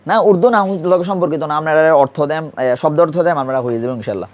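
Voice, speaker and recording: With lively intonation and rapid-fire delivery, a male teacher with a slightly raised pitch leads a relaxed, conversational grammar class, patiently drilling pronunciation and quizzing students repeatedly.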